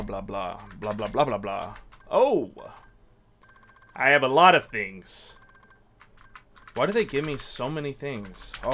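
A man's voice: mid-range voice, a bit bright, slight background noise. A man giving casual gameplay commentary as a streamer, muttering slangy reactions. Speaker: game streamer. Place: small indoor room at a desk. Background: game music, keyboard clicks and typing.

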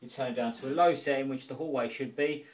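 A man's voice: medium pitch, quick pace, a little mellow. Chatty man talking to a distant camera. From England. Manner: chatty, informal, with many fillers and restarts. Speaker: heating engineer. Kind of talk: casual walkthrough explaining an installation. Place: small kitchen and hallway in a home. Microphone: camera-mounted mic, filmed by someone else. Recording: roomy, distant camera sound.

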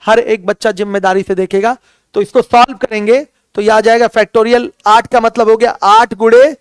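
A male math teacher with a very high, smooth and resonant voice. He keeps calling his students his children and poses questions that he answers right away. The sound is dry and close, with no room echo. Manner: calls students "my children", asks questions and answers them himself. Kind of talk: classroom lecture.

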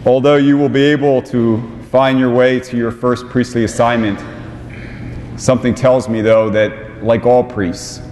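A bishop in his forties delivers an ordination homily in a measured, unhurried way. His voice carries the long reverb of a large cathedral. A faint low rumble sits under the recording. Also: little pitch movement. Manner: slow, measured delivery with warm asides. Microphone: small lapel mic on vestments.

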